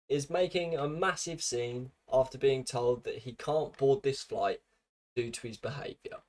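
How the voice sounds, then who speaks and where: A British man narrating a commentary video in a dry, mocking way, with scripted sardonic remarks. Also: medium pitch.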